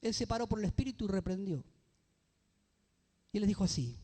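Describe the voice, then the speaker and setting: High-voiced preaching man in echoing church. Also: expressive, dark tone, slightly rough. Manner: preaching, with rising emphatic phrases and call-and-response questions; reads scripture aloud slowly. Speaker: pastor. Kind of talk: sermon.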